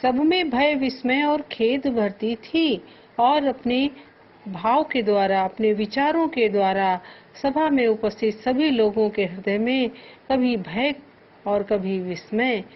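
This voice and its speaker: A woman's voice: on the high side, slow. A woman teacher explaining a classic poem line by line. She recites each verse and then paraphrases it in plain words. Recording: dull lo-fi audio with faint noise.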